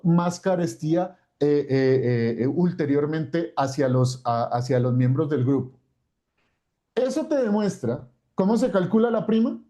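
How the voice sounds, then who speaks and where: A man with a distinctly high yet mellow, dark-edged voice gives an unscripted expert explanation. He is didactic, building his point step by step and repeating phrases to stress it. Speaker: expert speaker.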